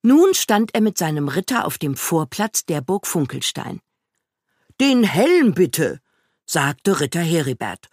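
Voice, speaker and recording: A woman's voice: low voice, normal speed, few pauses, no room sound, studio quality. A woman reading a children's story aloud, telling it expressively as a storyteller. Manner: expressive storybook telling, acting out the characters' lines.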